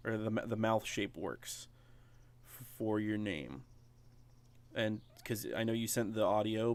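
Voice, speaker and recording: A man streaming a farming game, chatting casually with viewers and using lots of fillers. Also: lowish voice. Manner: chatty, talks to viewers while playing, many fillers. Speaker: gaming streamer. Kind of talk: casual let's play chat.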